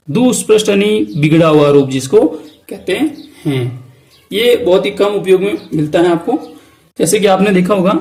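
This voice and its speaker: High-voiced Hindi teacher quizzing himself. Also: male voice, a little mellow. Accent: Rajasthani Hindi. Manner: asks questions then answers them himself; repeats key terms slowly. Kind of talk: exam-prep lesson.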